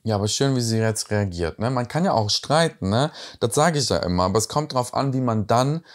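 This reaction-video host is a young man with a mid-range, expressive voice and a brisk delivery. He pokes fun at a reality show in a casual, chatty way, sprinkling in tag questions.

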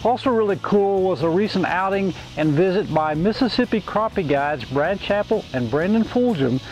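An older man from Oklahoma giving a steady, folksy fishing report to camera by a lake. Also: sits high, moderate pace, dull audio, faint music behind. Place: outdoors by a lake shore.

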